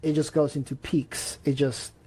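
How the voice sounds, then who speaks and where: A young man from Peru talks easily as a guest on a podcast. His voice sits a little higher than most men's, and he often pauses on fillers and starts his sentences over. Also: flat delivery, dark tone, breathy edge. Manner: hesitant, many fillers and restarts. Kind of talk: casual chat.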